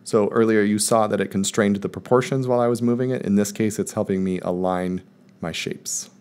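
Man, low voice, screencast tutorial, calm step-by-step explaining, voice-over. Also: brisk, clear, resonant tone. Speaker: math teacher presenting a tutorial. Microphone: voice-over recorded over screen capture.

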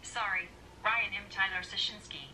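Too smooth female android voice. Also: medium pitch, normal speed, rough recording. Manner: even, polished, evenly paced replies. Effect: too smooth synthetic android voice. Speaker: phone voice assistant. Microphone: played from a phone speaker.

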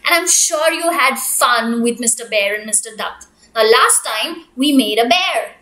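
An echoey room carries a young woman's high voice. She presents like a kids show host to small children, with animated, sing-song delivery. She speaks to them directly, coaxing and repeating her phrases. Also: unhurried. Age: young adult. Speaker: preschool storytelling teacher, kids show host.

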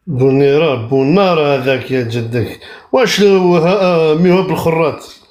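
A man's voice: a little high, expressive, moderate pace, darkish tone. Mocking man caller. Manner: mocking, scornful. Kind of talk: heated live debate.

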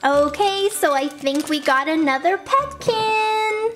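A woman's voice: extremely high pitch, animated, slow pace, music in the background. A woman hosting a toy unboxing, gushing and cooing as she opens each little figure. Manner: gushing, cooing over tiny toys. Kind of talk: excited toy unboxing chat.

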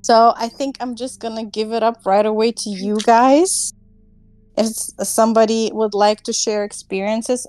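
A German woman hosts an online class on a video call, keeping it casual, chatty, and giggly with lots of filler words, like a relaxed group call. Her mid-range voice is a little mellow, and the recording has no room sound.

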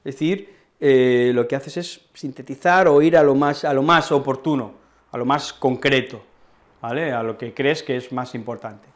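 A man's voice: mid-range voice, normal speed. A man teaching an online Spanish lesson with an accent from Spain, explaining patiently and checking in with his students through frequent tag questions.

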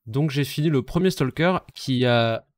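A man co-hosting a podcast, talking at length in a casual, animated way about games he has played. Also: mid-range voice, moderate pace, dry recording. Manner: talkative, animated recounting of games. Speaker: podcast co-host. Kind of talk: casual gaming chat.

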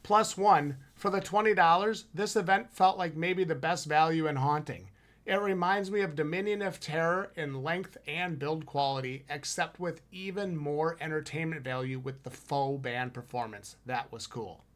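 A man in his thirties with a Wisconsin accent co-hosts a haunted house review podcast, chatting casually in an enthusiastic, emphatic, slangy way. His voice is on the high side and fairly bright, at a normal speed. He's indoors in a home room with shelves, using a headset boom mic on a video call.

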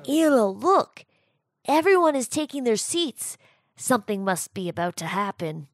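An eager, wide-eyed young boy, voiced by a woman, exploring history in a children's audio drama. The voice sits fairly high and swoops through a lively range. He sounds full of wonder at each new find. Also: measured pace, no room sound, studio quality. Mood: excited.

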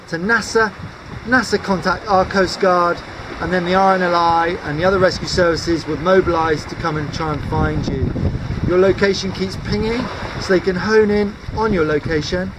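With background noise around him, a high-voiced UK sea kayaking instructor in his thirties gives the camera a cheerful, hands-on safety gear demonstration on coastal rocks outdoors.

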